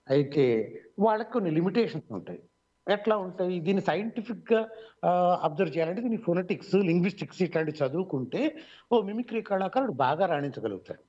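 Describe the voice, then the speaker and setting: A Telugu-accented man, a mimicry artist, talks through his answers on an online radio interview. He is measured and explanatory, with many pauses and fillers, in a slightly high voice. The audio is dull and lo-fi. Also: very animated, darkish tone, breathy edge.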